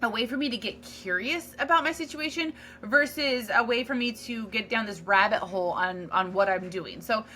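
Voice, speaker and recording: A woman's voice: a little high, moderate pace, few pauses, pushed and bright, a little hiss or hum. A woman hosting a solo podcast, talking in a candid, earnest, self-reflective way with casual fillers and restarts. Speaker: podcast host.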